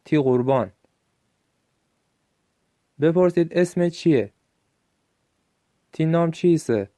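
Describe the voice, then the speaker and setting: A man with a Gilaki accent giving a recorded language lesson, saying short phrases slowly and clearly for listeners to repeat. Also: a little high, lively intonation, mellow. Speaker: language teacher.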